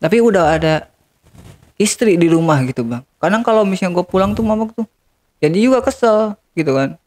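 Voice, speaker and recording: A man tells his confessional story with regret, speaking briskly in a high-pitched, darkish voice with lively intonation. As an interview guest, he frequently turns to the host and calls him "Bang."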